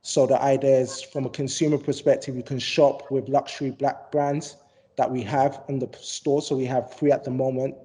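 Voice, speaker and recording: A man speaking as a guest on an online panel, his voice mellow and dark. He talks in a flat, even tone, steady and unhurried, pausing on frequent "um"s as he explains his work. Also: mid-range voice. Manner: steady, with many "um"s. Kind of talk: casual personal account. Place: video call.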